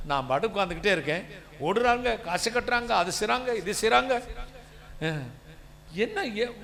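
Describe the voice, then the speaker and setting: High, bright-voiced Tamil preacher man. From India. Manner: personal storytelling that swells to loud emphatic preaching. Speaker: pastor. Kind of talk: sermon.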